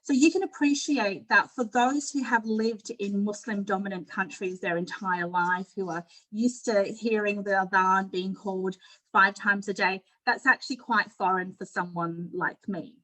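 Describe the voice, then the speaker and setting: This middle-aged Australian forum panelist has a medium-pitched, steady, bright voice with a forceful tone, moving at a moderate pace. She delivers a candid, conversational personal presentation on a video call, and the audio quality is poor.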